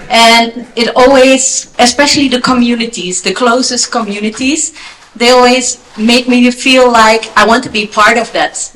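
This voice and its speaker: A woman's voice: on the high side, fairly bright tone. A woman in her forties from the Netherlands, telling a personal story in a gala speech. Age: 40s. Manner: reflective, storytelling. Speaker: gala speaker. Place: event hall. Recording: echoey hall, light noise.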